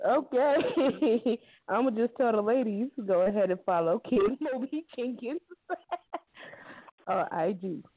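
This co-host chats slowly, teasing and giggling along the way. The voice moves a lot in pitch. The sound is thin and narrow, like a phone line. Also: lively intonation, dry recording. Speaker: podcast co-host. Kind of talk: casual chat. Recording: tinny phone-like audio.

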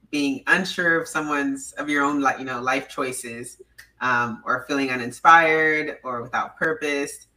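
Bright-voiced young woman hosting a podcast. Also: deep voice, recorded from a distance, rough recording. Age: 20s. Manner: chatty, giggly, filler-heavy. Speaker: podcast host. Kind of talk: casual podcast chat.

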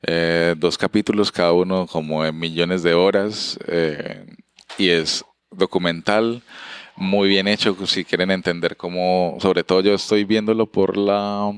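A man's voice: sits low, fairly even intonation, unhurried, smooth, no echo. A man co-hosting a podcast, chatting casually and rambling a little, with restarts and easy laughter. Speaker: podcast co-host. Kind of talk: casual chat.

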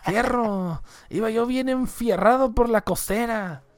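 A man's voice: very high-pitched, a little slow. Man, podcast host, slangy and profane, casual joking banter. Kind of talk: casual chat.

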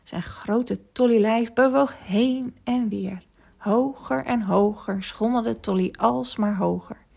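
A woman hosting a children's story podcast, narrating gently and expressively and sometimes dropping to a whisper. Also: on the high side, slow pace, gravelly, husky.

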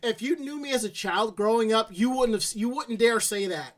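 A man with a New York accent and a high-pitched, brisk voice hosts a casual live stream chat. He tells stories animatedly, acting out his own reactions and quoting himself in asides.

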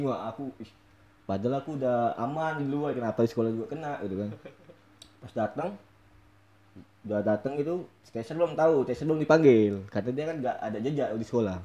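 A young man telling a story in casual chat, animated and laughing often as he acts out what people said. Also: medium pitch. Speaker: storyteller guest.

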